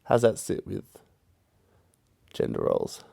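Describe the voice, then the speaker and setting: A woman's voice: measured pace, mellow. A woman in casual chat, asking questions with dry, teasing remarks. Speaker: conversation partner.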